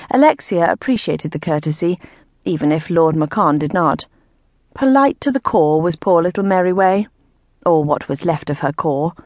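A woman's voice: medium pitch, a little mellow, no echo. Woman narrating an audiobook, dry close sound. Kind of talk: scripted narration.

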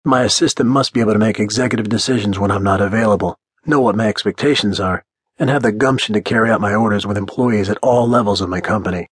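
A man's voice: on the low side, fast talker, slightly rough, dry recording. A man narrating a first-person audiobook in a blunt, confident manner.

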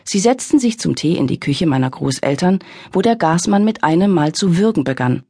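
A woman's voice: fairly low pitch, lively intonation, fairly quick, warm tone, husky, dry recording. A woman narrating an audiobook in the first person, in a wry, exasperated storytelling manner, on a close studio mic.

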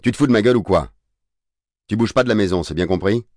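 A man's voice: low voice, fast, no echo, clean studio sound, natural voice. A man doing a stern, scolding father. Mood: angry. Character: stern worried middle-aged father.

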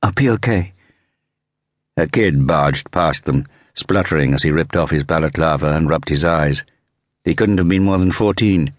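Male audiobook narrator, very low voice, measured and vivid, dry studio read. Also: no echo. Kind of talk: scripted narration.

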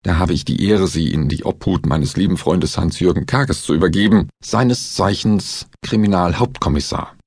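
A man's voice: low voice, normal speed, few pauses, a little mellow, slightly rough, no echo. A man voicing a composed male doctor-investigator who speaks with dry, amused mockery.

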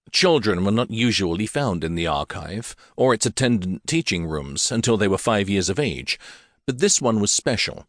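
A man narrating a fantasy audiobook in a measured, even storytelling manner. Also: fairly low pitch, no room sound, clean studio sound.

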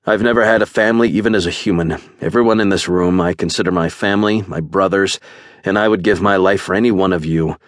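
A man's voice: low voice, fairly even intonation, fast, no room sound, clean studio sound, close to an everyday voice. A man doing a brash, wisecracking warrior. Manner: wisecracking, blunt. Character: brash foul-mouthed male warrior, loyal.

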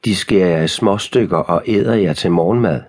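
A man's voice: sits low, a little mellow, breathy edge. A man voicing a cruel, cocky teenage boy bully who mocks and spits insults in an audiobook. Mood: mocking.

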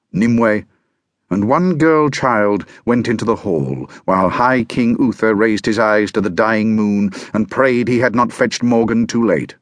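A man narrating a historical novel audiobook in a measured, grave first-person storytelling manner. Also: fairly low pitch, no echo.

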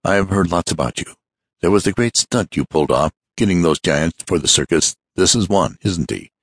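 A man reading a story aloud, voicing a short, stout, fussy businessman who talks in a rapid, boastful rush. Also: low voice, lively intonation, breathy edge, no echo, studio quality, full character voice. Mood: flattering. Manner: rapid, breathless, boastful chatter.

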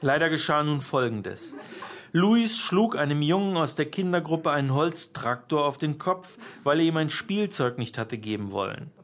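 A man's voice: on the high side, lively intonation, moderate pace, a little hiss or hum. A man reading his own humorous stories aloud, with a wry, amused storytelling manner. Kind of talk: humorous audiobook narration.

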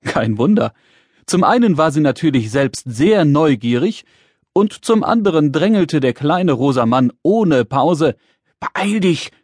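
Lively, slightly husky male storyteller. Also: fairly high pitch, a little slow, no room sound, studio quality. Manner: lively and expressive, addressing young listeners. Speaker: audiobook narrator. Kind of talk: scripted children's storybook narration.

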